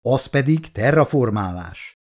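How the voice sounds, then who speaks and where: A man's voice: mid-range voice, lively intonation, natural voice. Guy reading a joking pushy ship pilot, collecting on a bet, audiobook. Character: wisecracking male ship pilot.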